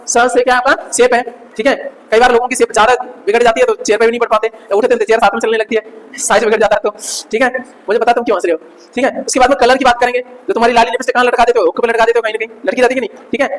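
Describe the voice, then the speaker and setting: A man teaching a grammar class at a brisk clip, cracking jokes and quizzing the room. His voice carries a long echo off the hard classroom walls. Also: extremely high pitch. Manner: chatty, jokes with students, quizzes them.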